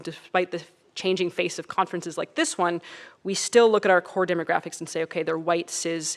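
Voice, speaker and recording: A woman speaking at a conference who is nervous and hedges her points with fillers. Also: on the low side. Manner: hedging with fillers. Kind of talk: conference talk. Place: conference hall.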